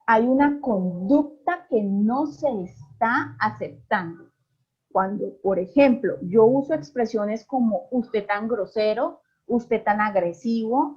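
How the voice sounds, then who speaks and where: A woman's voice: on the high side, husky, highs cut off. A woman psychologist giving an online parenting talk, often asking her audience questions and checking with "¿listo?".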